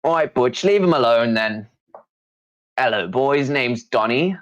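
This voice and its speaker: A man plays a little streetwise halfling fixer in a tabletop game. He is matey and confiding, pitched up from a low natural voice. The sound is a bit dull. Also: animated, a little slow, natural voice. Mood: breezy, matey. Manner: breezy, matey, conspiratorial.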